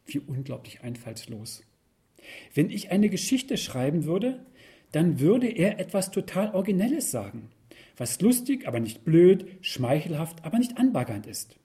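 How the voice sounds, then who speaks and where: A man narrates a first-person story with a wry, expressive delivery. His voice sits slightly high and moves with lively swings in pitch. The tone is mellow and soft. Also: moderate pace.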